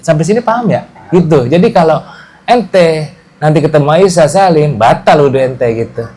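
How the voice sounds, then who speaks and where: A man teaching a casual religious study lesson to a small group, explaining in a relaxed way and often checking that the class follows. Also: on the high side, normal speed.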